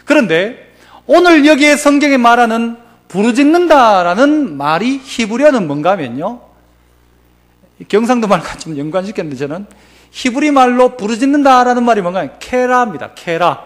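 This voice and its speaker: A man from the Gyeongsang region of Korea, speaking with a Gyeongsang accent, preaching a lively sermon as pastor and coaxing the congregation to repeat after him. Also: moderate pace. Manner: animated preaching, rising to emphatic calls then dropping low.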